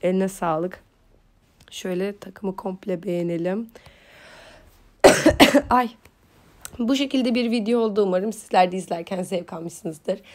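A woman giving playful, casual commentary while playing a mobile game, just woken up and chanting words over and over. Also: mid-range voice. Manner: playful, chatty, repeats words in quick chants.

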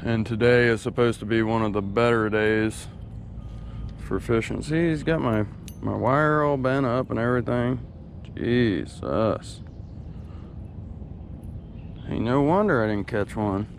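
A fishing vlogger with a mid-range voice and noticeable vocal fry drawls unhurriedly as he casts at a quarry lake. It's easygoing outdoor narration, filmed on a head-mounted action camera, with faint outdoor noise.

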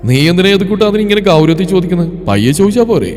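A man's voice: high-pitched, sing-song, racing, darkish tone, voice pushed up. A man voicing a cheeky teasing young man. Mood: mocking. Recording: reverberant with background music.

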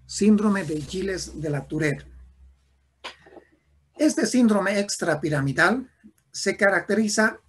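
A man lecturing on neurology to a class, who talks slowly, repeats himself and often checks "¿ya?". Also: sits high, slightly rough. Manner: slow, repetitive, with frequent restarts and checks of "¿ya?".

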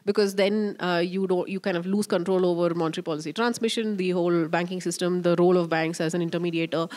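A woman in her thirties moderates a conference panel on an indoor stage, speaking into a handheld mic. Her fairly low, darkish voice is flat and fast as she explains at length with many fillers.

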